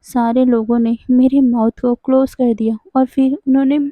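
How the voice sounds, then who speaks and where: A woman voicing a grieving young wife who recounts her ordeal haltingly, in a spoken storybook retelling. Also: high-pitched, flat delivery, no echo, phone-quality sound, natural voice.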